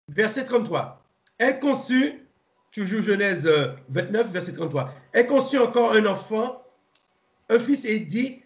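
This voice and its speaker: A man leads a relaxed Bible study, speaking in a fairly high voice. He stops and restarts often and spells out names letter by letter. The room around him is echoey. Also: gravelly. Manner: halting, repeats words, spells names letter by letter. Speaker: Bible teacher. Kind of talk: informal Bible study lesson. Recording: roomy echo.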